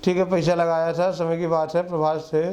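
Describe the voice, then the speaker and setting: A man's voice: on the high side, level tone, a little fast, warm tone. A man, co-hosting a casual film review chat in a blunt, rustic, emphatic way with crude slang.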